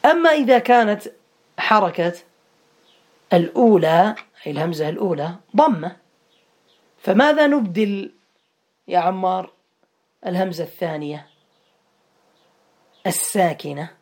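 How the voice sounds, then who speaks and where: A man's voice: high voice, big pitch swings, normal speed, pauses often. A man teaching an Arabic grammar lesson online, quizzing students by name and repeating words for them.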